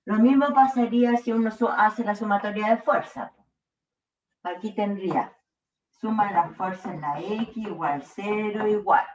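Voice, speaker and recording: Woman, physics teacher, distant and muffled, unhurried classroom explaining. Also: mid-range voice, darkish tone. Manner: slow, checks in with frequent "¿ya?". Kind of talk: explaining a worked problem. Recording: echoey room, distant dull mic.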